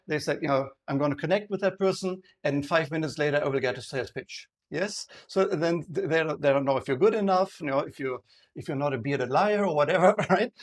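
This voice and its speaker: A man with a German accent presenting a live sales workshop, often checking in with the audience and restarting his sentences. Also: a little high. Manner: engaging, asks the audience frequent questions; halting, many restarts and fillers.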